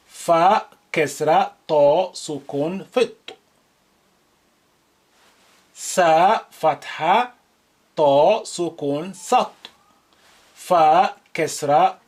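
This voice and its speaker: Very slow, deliberate Arabic drill teacher. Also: mid-range voice, darkish tone. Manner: spells each letter with its vowel mark, then joins the syllable. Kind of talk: slow syllable-by-syllable reading drill.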